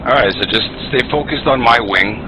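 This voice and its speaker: A man's voice: mid-range voice, moderate pace, background noise. A man chatting casually over flight simulator comms, coaching and reassuring as he leads his wingman.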